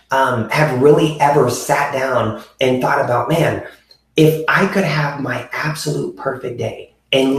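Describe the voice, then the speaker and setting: Echoey earnest man in his forties. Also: medium pitch. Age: 40s. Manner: earnest, repetitive, with many fillers and restarts. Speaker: podcast host. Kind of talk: motivational talk to viewers. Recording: very echoey room.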